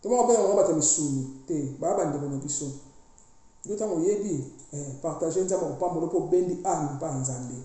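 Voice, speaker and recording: A priestess addresses her online followers in a low, mellow voice, speaking briskly as she delivers an insistent spiritual exhortation. She preaches emphatically and switches languages freely, and the room is strongly reverberant.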